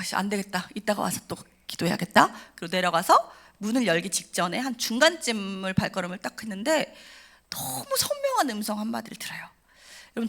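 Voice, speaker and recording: Lively fast-talking woman giving testimony. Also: mid-range voice. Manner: animated storytelling, acting out quoted voices and shouting. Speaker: testimony speaker at a church service. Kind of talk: emotional personal testimony. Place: church sanctuary.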